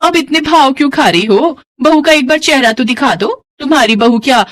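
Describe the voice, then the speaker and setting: A woman voicing a nosy neighbor woman who gossips and taunts in a sing-song, drawn-out way. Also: extremely high pitch, big pitch swings, no room sound, pitched above the performer's own voice, full character voice. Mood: taunting.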